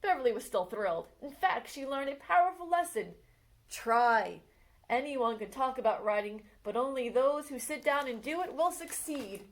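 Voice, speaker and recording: A librarian with a voice that sits high reads a picture book biography aloud to children. Her storytime delivery is expressive, and she slows down whenever the story gets exciting.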